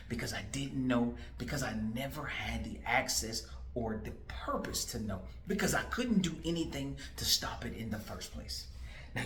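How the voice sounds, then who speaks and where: A man's voice: mid-range voice, fairly bright tone, slight background noise. Emphatic man in his forties, roomy echo. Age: 40s. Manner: emphatic and repetitive, full of rhetorical questions. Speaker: political candidate. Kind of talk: direct-to-camera political commentary.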